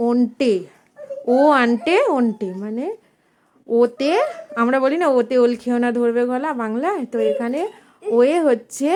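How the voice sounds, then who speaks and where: A woman gives a relaxed home lesson in a fairly high voice. She speaks patiently, says each letter more than once and draws the sounds out slowly. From India. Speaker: teacher of a language lesson. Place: home, with her small son nearby.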